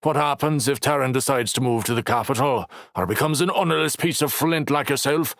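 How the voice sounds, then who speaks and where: A man narrating an audiobook voices a bitter, injured male crew leader with a rough, growling, scornful delivery. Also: medium pitch, a little fast, fairly bright tone, no room sound, studio quality, voice pushed up, close to an everyday voice.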